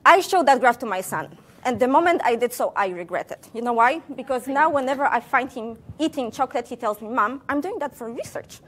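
A woman's voice: a little high, animated, a little fast, fairly bright tone, a little hiss or hum. A woman scientist giving a public science talk to a live audience, playful, quizzing the room and joking between facts.

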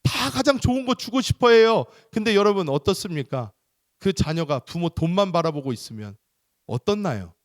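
Animated male pastor preaching. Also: high voice, moderate pace, no room sound, studio quality. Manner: animated storytelling, acts out voices. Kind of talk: sermon.

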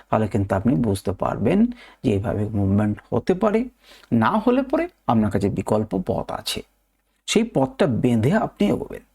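A man's voice: mid-range voice, creaky, dark tone, breathy edge. A middle-aged man teaching a lesson, emphatic, repeating key words and asking rhetorical questions. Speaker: trading teacher. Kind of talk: lecture video.

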